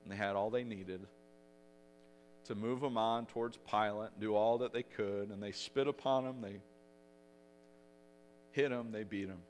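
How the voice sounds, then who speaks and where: A man preaching a sermon as pastor, retelling the story dramatically and growing loud for the shouted quotes. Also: on the low side, steady tone, normal speed, long pauses, slight background noise.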